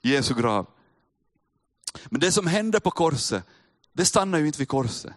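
A man's voice: on the high side, sing-song. A man preaching a sermon to a live congregation, talking casually and straight to his listeners, and pressing harder on key points. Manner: conversational, addresses listeners directly, rises in emphasis. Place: church with a live audience.

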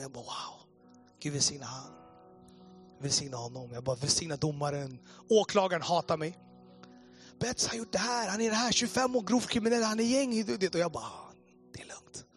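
Impassioned high-voiced man preaching testimony. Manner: storytelling, reenacts conversations with a quoting "jag bara"; passionate, rises and drops sharply in loudness. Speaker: preacher giving his testimony. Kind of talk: testimony sermon.

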